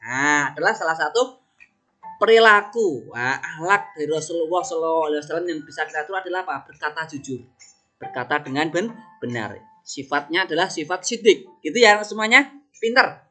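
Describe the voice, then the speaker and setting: A male teacher leads a lesson for young children in a bright, clear voice. He keeps the class with him by posing questions and answering them himself. Faint music plays underneath. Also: a little high, animated, fairly quick. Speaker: religious education teacher.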